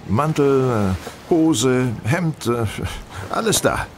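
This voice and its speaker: An actor playing Sherlock Holmes, a composed detective who speaks courteously, precisely and with dry irony in a German radio play. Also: male voice, medium pitch, very animated, takes it slowly, slight background noise. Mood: intrigued, ironic. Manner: courteous, precise, dryly ironic.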